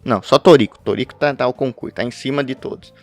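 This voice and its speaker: Soft music plays behind a man with a mid-range voice who talks quickly to his home webcam about a favorite manga. As a podcast host reviewing manga, he keeps it casual, rambling, interrupting himself and laughing between thoughts.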